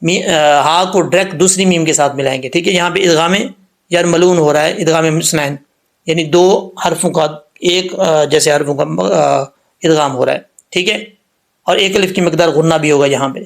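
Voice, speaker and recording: A man teaching Quran recitation rules, explaining letter by letter and slowly drawing out the recited words. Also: on the high side, creaky. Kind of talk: tajweed lesson with slow recitation.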